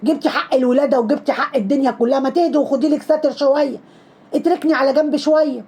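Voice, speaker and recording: A woman's voice: high-pitched, fairly even intonation, very fast, darkish tone. A woman with an Egyptian accent, giving sarcastic commentary on trending videos, scolding and mocking with lots of repetition. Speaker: social media commentator.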